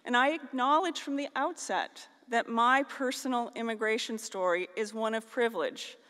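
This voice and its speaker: Middle-aged american woman at a podium, formal graduation speech, slightly high voice, long hall echo. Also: moderate pace, a bit bright. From northeastern Ohio, US. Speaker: keynote speaker at a graduation. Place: large auditorium stage. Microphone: podium microphone on a stand.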